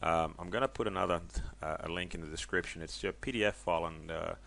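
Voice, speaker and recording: A man casually walking viewers through a software tutorial, chatty and loose, with many ums and self-corrections. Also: low-pitched, fast, vocal fry. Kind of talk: casual screen-recorded tutorial.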